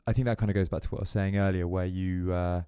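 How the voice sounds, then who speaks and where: A man's voice: sits low, steady tone, fast, warm tone, clear, resonant tone, dry recording, studio quality. A young man talking casually as a podcast guest, rambling with lots of fillers and restarts. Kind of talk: casual interview chat.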